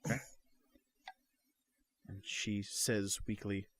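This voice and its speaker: A man narrating a tabletop game as game master, with measured, descriptive delivery. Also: on the low side, steady tone, slight background noise.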